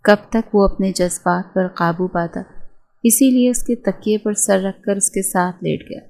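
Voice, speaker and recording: A woman narrating a romance novel aloud at a steady, measured pace. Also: mid-range voice, vocal fry. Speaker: audiobook narrator.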